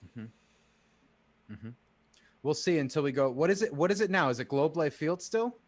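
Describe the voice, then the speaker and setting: Playful, animated man in casual chat. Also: moderate pace, dry recording. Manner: laughing, playful, mimics friends in high squeals. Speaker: podcast co-host. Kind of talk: casual watch-party chat.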